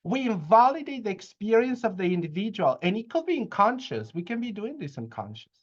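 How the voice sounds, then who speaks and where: A man in an academic discussion on counseling practice. He lectures earnestly and pauses often with hesitations. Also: high voice, big pitch swings. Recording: dull lo-fi audio.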